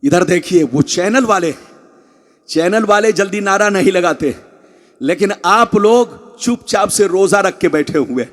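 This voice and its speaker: Guy booming out a fiery islamic sermon, really high pitched, long echoey pa reverb, gets the crowd chanting. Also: lively intonation, unhurried. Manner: combative, exhorting the crowd to chant and respond. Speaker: Islamic preacher addressing a religious gathering. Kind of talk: booming, rousing public sermon with call-and-response. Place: large public religious gathering, over loudspeakers.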